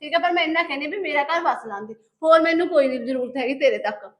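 Woman acting young wife, firm, pleading, quick speech, short film melodrama. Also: high-pitched, natural voice. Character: put-upon young wife defending her home. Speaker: sister-in-law, wife of the house.

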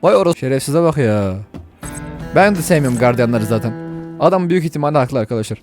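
A man giving joking, excitable and profane commentary while playing a video game. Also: medium pitch, quick pace, over music. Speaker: gaming YouTuber.

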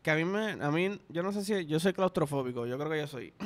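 A man's voice: fairly high pitch, lively intonation, brisk, a little hiss or hum. A young man with a Puerto Rican accent, telling loose, profane stories in casual podcast chat. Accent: Puerto Rican Spanish. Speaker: podcast host.

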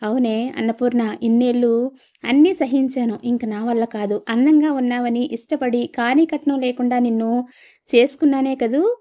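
A woman's voice: on the high side, normal speed, dark tone, lo-fi sound, natural voice. Woman reading as a stern older husband. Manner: firm, scolding. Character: stern older husband, fed-up head of house.

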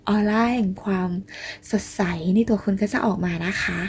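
A woman hosting a casual tarot reading for her viewers, chatty and coaxing, calling herself grandma and sometimes dropping to a soft near-whisper. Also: mid-range voice, steady tone, normal speed, slightly rough. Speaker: tarot reader and channel host.

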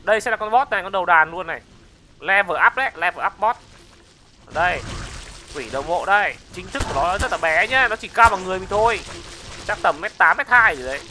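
An excitable game commentator, calling out the action and yelling wow. Words come in repeated bursts. There is steady noise clearly audible in the background. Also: mid-range voice, a little fast. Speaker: gaming channel host.

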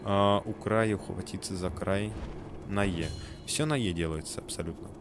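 A man's voice: lowish voice, moderate pace, noisy background. A man casually commenting on a video game as he plays it, joking, swearing now and then, and reading the on-screen text aloud. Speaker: gamer playing a video game. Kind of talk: casual let's-play commentary. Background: game music.

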